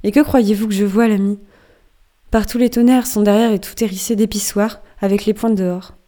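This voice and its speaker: A woman's voice: medium pitch, steady tone, moderate pace, dark tone, natural voice. A woman reading as a wry boastful sailor. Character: wry, boastful male sailor telling his dream. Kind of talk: audiobook reading.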